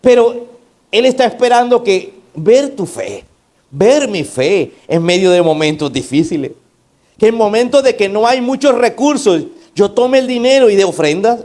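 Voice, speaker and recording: A male pastor preaching a sermon, emphatic, throwing rhetorical questions and call-outs to the congregation. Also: darkish tone. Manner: emphatic, varying between raised and low delivery.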